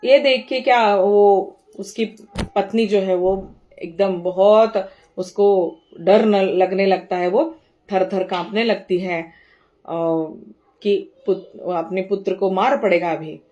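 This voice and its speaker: A woman's voice: medium pitch, slow, warm tone, lo-fi sound. A woman giving a devotional sermon who recites verses and then explains them in a storytelling tone. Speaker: devotional speaker.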